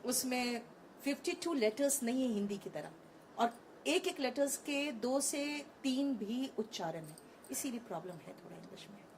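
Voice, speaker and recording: A woman's voice: fairly high pitch, lively intonation, moderate pace, slight background noise. A woman in her thirties, an online English teacher, talking frankly and animatedly in an interview on a conference stage, mixing Hindi with English.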